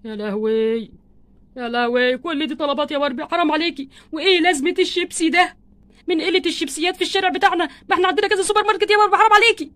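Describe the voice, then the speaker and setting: A stingy, flustered husband doll from a homemade doll play, voiced by a woman. He grumbles in an Egyptian accent in a rapid, high-pitched rush. He complains endlessly about money. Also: a bit bright. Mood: exasperated. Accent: Egyptian Arabic. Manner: exasperated grumbling, fast and wordy.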